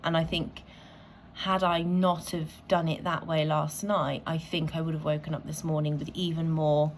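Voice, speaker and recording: A woman talking openly in a reflective personal vlog, soft-spoken and pausing often, sometimes dropping to a whisper. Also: sits low, slight background noise. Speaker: vlogger.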